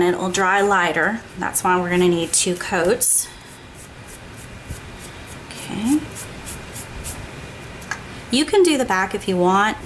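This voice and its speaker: On her own craft program, a woman explains a project step by step in an easygoing, talkative way, frequently asking "okay?". Her pitch is fairly low, and the rough recording carries slight background noise.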